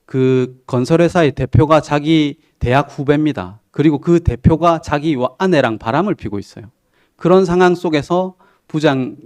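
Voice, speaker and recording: A man's voice: fairly high pitch, darkish tone, no room sound. A man who is a pastor, preaching a sermon in a conversational storytelling way and asking the congregation questions. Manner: storytelling, retelling a TV drama with quoted lines. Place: church sanctuary.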